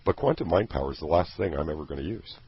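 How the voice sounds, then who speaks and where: Man, very low husky voice, earnest pitchman in casual chat, dull lo-fi recording. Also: lively intonation, fast talker. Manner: earnest, passionate, rambling with restarts. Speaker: product creator promoting his program.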